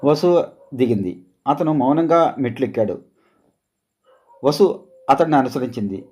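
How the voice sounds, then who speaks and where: Male storyteller, calm scripted narration, mellow tone. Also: medium pitch, a little slow.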